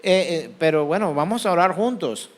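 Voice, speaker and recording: A man with a high, animated voice and a Colombian Caribbean Spanish accent preaches a sermon as pastor at a normal pace. He poses questions to the congregation and then answers them himself.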